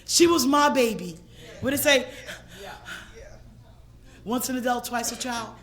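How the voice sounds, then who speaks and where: A woman from gives a personal recovery testimony at a convention. She moves between hushed storytelling and raw, shouted passages. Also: a little high, measured pace. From Philadelphia, USA. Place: convention hall stage.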